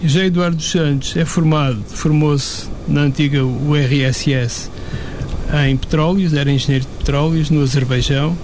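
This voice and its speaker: A man commenting in a casual discussion, measured and analytical, with some fillers. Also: a little high, steady tone, darkish tone, a little hiss or hum.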